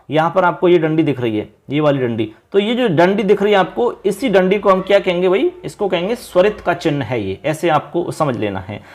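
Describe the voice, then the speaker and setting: Male teacher from India, high-pitched voice, patient and repetitive explanations, online grammar lesson. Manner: explains patiently, repeats points and checks understanding.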